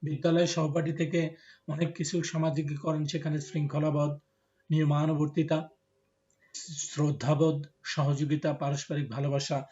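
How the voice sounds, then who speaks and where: A male teacher, giving a classroom lecture and explaining slowly with many fillers. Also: on the high side, level tone, mellow. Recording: dull lo-fi recording.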